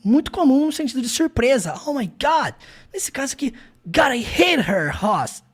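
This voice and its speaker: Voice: high-pitched, breathy edge. Brazilian teacher breaking down movie lines, bouncy voice, keeps asking tá? né?. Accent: Brazilian Portuguese. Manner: animated, repeats phrases slowly, many tag questions. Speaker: English teacher. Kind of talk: language lesson explaining film clips.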